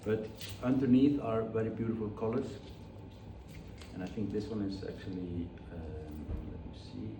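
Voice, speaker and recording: A man's voice: lowish voice, steady tone, moderate pace, mellow. Rambling man from iceland in an echoey studio. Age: 40s. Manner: rambling, self-correcting, chatty. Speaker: painter demonstrating his materials. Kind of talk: casual studio chat. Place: painting studio. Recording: very echoey studio, distant mic, clear background noise.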